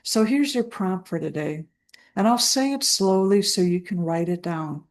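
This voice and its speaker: A woman speaking as a trauma recovery coach, guiding listeners through a self-help practice in a gentle, soothing way with deliberate pauses. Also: fairly low pitch. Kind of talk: slow guided self-help talk.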